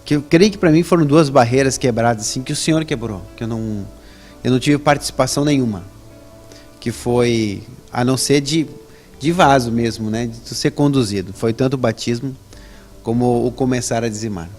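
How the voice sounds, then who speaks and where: A man shares his personal religious testimony as an interview guest. His voice sits at an everyday middle pitch, and he tells the story in a relaxed, chatty way, rising in pitch when he stresses a point. He often tags his sentences with a quick questioning check-in. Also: soft background music.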